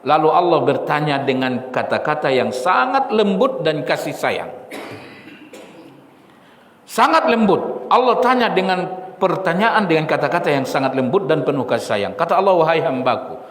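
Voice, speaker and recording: A man's voice: a little high, sing-song, moderate pace, a bit bright. A male preacher giving a study sermon in a mosque, repeating key lines and asking the listeners rhetorical questions. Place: mosque hall. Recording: echoey hall with long reverb.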